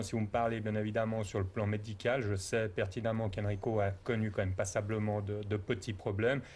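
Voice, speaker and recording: A man who used to manage a boxer, explaining things in a measured way as a guest on a TV talk show. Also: on the low side, a little mellow. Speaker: former boxing manager.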